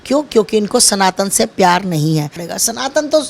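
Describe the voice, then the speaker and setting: A woman's voice: mid-range voice, sing-song, normal speed, gravelly. A woman giving an impassioned interview, speaking in a fiery, emphatic way with repeated slogans.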